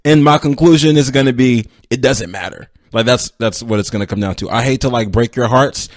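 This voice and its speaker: A young man hosts a casual solo sports podcast, rambling and poking fun at himself as he speaks straight to his listeners. His mid-range voice is brisk, and the studio sound is clean with no echo.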